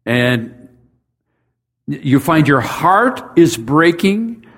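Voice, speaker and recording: Man, pastor, sermon, conversational, talks to the congregation, emphatic rhetorical questions, slightly high voice. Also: sing-song, very slow, fairly bright tone. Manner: conversational, speaks directly to the congregation.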